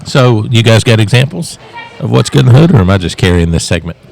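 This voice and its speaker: A man's voice: on the low side, very animated, fast, gravelly, a little mellow. A man co-hosting a podcast in casual chat, teasing the others with dry humor. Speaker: podcast co-host.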